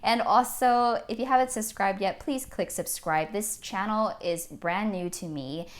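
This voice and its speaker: Upbeat woman reviewing camera gear. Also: a little slow. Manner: upbeat and chatty, with lively jumps in pitch. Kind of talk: product review vlog.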